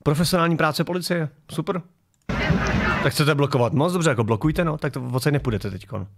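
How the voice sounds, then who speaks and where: A man's voice: on the high side, heavy background noise. A man hosting a political commentary show from his garage, mocking video clips in a sarcastic tone.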